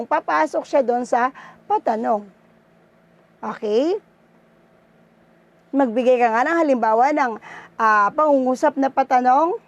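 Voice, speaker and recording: A woman teacher with a Filipino accent gives a lesson in a high, bright-pitched voice. She keeps checking in with her pupils, tagging her points with "no?" and "okay?". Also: dull audio. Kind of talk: online class lesson.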